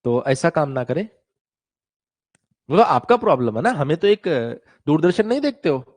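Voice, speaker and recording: A man's voice: fairly high pitch, very animated, normal speed, darkish tone. A man teaching physics in a live online class, chatty and teasing, often acting out students and newsreaders.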